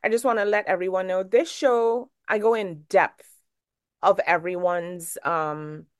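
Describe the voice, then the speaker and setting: A woman's voice: mid-range voice, steady tone, unhurried, no room sound, studio quality. A woman from Trinidad hosting an interview show, asking questions in a chatty, friendly way. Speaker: show host.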